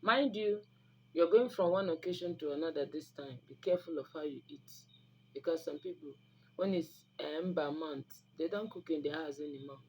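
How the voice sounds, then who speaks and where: A deep-voiced woman speaking at a moderate pace gives herbal remedy advice as an online video host. Her Nigerian Igbo accent reflects her native Igbo, and she addresses the camera informally and instructively, in an emphatic, sermon-like manner with repeated phrases. Audio quality is poor, and background noise is noticeable.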